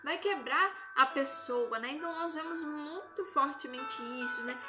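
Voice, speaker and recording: Woman, high voice, chatty faith talk from home on a phone livestream, music going behind her. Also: unhurried. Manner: conversational, tags nearly every phrase with a questioning "né?". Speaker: lay religious speaker. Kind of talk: informal devotional talk on a live stream. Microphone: phone or webcam on a live stream.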